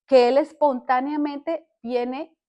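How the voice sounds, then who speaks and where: Older lady podcast host, high voice, earnest faith story, lots of stops and restarts. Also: fairly even intonation, mellow, highs cut off. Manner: earnest, halting, with many restarts. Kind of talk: personal faith testimony.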